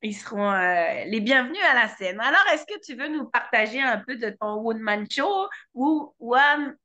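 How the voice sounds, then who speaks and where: A woman's voice: fairly high pitch, animated, normal speed, pushed and bright. A woman host with a French accent from France, chatting playfully in an interview and joking about herself. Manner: chatty, playful, self-mocking. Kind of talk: casual interview chat.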